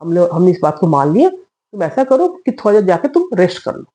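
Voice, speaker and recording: A woman's voice: fairly low pitch, sing-song, fairly quick, warm tone. A woman voicing her mother as a firm, no-nonsense parent.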